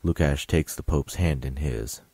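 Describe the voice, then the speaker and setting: A man reading stage directions as narrator of an audio drama in a flat, matter-of-fact way. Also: rumbling low, unhurried, husky, no echo.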